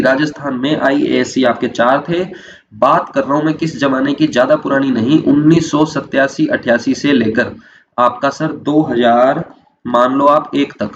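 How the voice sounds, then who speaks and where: Guy teaching exam prep, asks and answers himself, kinda dull lo-fi sound w faint hum. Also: mid-range voice. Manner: repeats questions and answers them himself; drills facts, slows down to stress key terms. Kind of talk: online exam-prep lecture.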